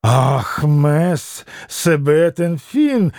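A sneering male devil full of sly mockery, voiced by a man reading aloud. The voice sits high for a man and sounds close and dry, with no room around it. Every word drips with scoffing theatre. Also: sing-song, drawn-out words, a little mellow, dry recording, full character voice. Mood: mocking. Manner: mocking, theatrical. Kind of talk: audiobook character reading.

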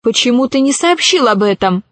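A woman reading the lines of a brisk, commanding female bird-creature scientist in a storybook, with sharp, curt speech. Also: a little high, animated, no room sound. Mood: questioning.

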